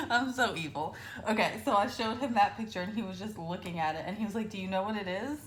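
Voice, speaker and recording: A woman's voice: medium pitch, animated, normal speed, a bit bright. A young adult woman vlogging casually to camera, telling a story full of fillers and acted-out quotes.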